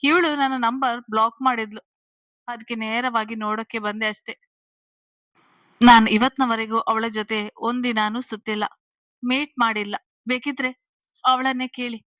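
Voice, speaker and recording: A confident young man speaks bluntly about his love and his plans, as a woman reads his lines. The voice is bright and high-set, close and dry. It comes from an audio storybook. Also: steady tone, normal speed, pauses often, no room sound, natural voice, low-quality recording. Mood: earnest. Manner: blunt, straightforward.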